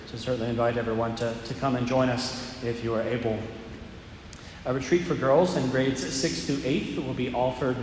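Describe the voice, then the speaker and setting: A man's voice: medium pitch, fairly even intonation, normal speed, a little mellow. An American man speaking as a priest at Mass, his voice ringing with a cathedral-like echo. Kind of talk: liturgical reading, church announcements and sermon. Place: large church interior. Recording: very echoey church, long reverb, faint noise.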